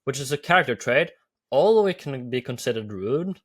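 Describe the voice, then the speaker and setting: A man with a Norwegian accent hosts a video, explaining lessons in an eager, upbeat way. His voice is mid-pitched and plain, and he leans on repeated phrases for emphasis. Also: animated, moderate pace, fairly bright tone. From Norway. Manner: enthusiastic, repetitive phrasing. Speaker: YouTube host. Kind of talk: commentary.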